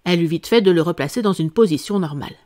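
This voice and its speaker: A woman narrating a classic children's story as an audiobook, in a measured and expressive way. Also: lowish voice. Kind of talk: scripted narration.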